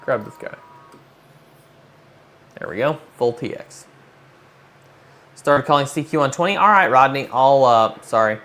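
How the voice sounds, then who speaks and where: This amateur radio operator runs a hobby livestream, talking casually and thinking aloud as he walks viewers through a demo. His mid-range voice is expressive and fairly bright, delivered at a measured pace with frequent pauses. Background noise is noticeable.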